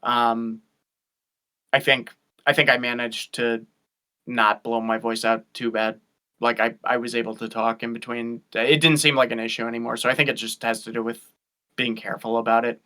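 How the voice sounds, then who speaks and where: A man appears as a guest vocalist in a casual chat over a stream, thinking aloud with many restarts and fillers. His medium-pitched voice sounds pushed and bright, with a flat delivery at a moderate pace.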